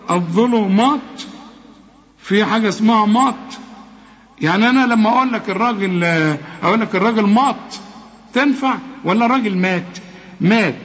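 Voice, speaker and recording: A man with an Egyptian accent teaching Quran recitation rules, asking and answering his own questions and drawing words out slowly to demonstrate. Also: high voice. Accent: Egyptian Arabic. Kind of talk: tajweed lesson. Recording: reverberant, dull lo-fi recording.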